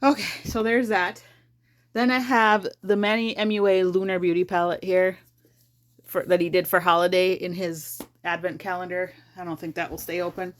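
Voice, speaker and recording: A woman's voice: on the low side, little pitch movement, moderate pace. A woman beauty vlogger talking casually to her viewers, thinking aloud and correcting herself mid-sentence as she sorts her makeup. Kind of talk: casual rambling chat to camera.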